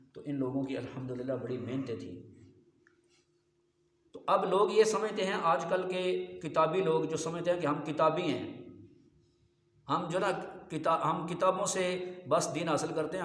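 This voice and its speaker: A man giving a sermon as an Islamic preacher, in a rhetorical manner, often asking his listeners whether they follow. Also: on the high side. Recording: echoey hall reverb.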